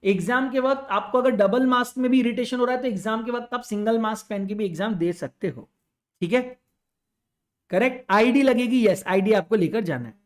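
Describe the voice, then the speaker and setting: A man's voice: very high-pitched, brisk. A young man teaching an online exam-prep lecture, giving direct, fatherly advice to students and switching between Hindi and English. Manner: mixes Hindi and English, calls students "beta".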